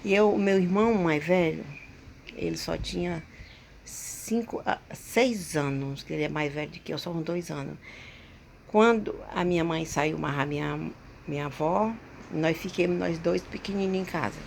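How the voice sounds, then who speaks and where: Woman, gravelly voice, halting personal storytelling, faint background noise. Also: on the low side. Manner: halting, full of restarts and repetitions. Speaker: channel host.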